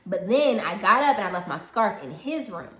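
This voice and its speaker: A woman telling a personal story in casual chat, animated and laughing, acting out the people she quotes. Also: medium pitch, moderate pace. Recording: roomy echo.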